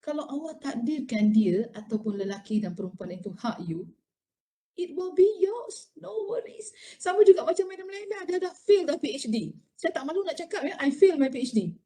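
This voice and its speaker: Lively Malaysian woman lecturing. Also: sits high, moderate pace. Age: middle-aged. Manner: expressive, mixes Malay and English, frequent rhetorical questions. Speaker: lecturer giving a university talk. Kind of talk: animated motivational lecture.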